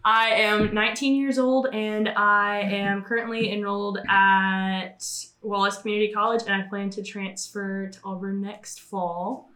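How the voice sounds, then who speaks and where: Earnest nineteen-year-old woman, flat delivery. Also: mid-range voice, measured pace, hardly any pauses. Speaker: student ministry staff. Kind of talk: casual podcast conversation. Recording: echoey room.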